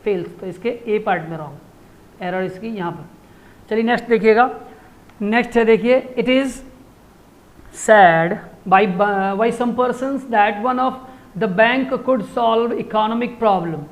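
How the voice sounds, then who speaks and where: A male teacher giving an exam-prep grammar lesson, translating phrase by phrase and quizzing listeners with quick rhetorical questions. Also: sits high.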